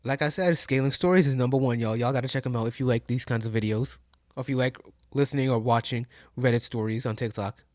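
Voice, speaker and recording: A man's voice: mid-range voice, fast, darkish tone, dry recording, studio quality. Casual, profane young man reacting. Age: 20s. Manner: casual, profane, chatty with slang. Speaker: reaction streamer. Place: at home.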